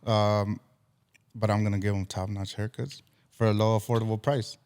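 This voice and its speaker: A man's voice: on the low side, little pitch movement, moderate pace, a little mellow, smooth, big-room sound. Male guest, laid-back, short answers, casual chat.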